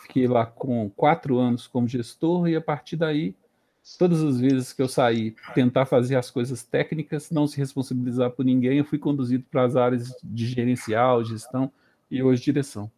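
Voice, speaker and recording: Interview guest: male, late 40s, Brazilian Portuguese accent, relaxed dark tone, halting conversational storytelling. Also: medium pitch. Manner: hesitant, repeats words while thinking. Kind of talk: casual career storytelling.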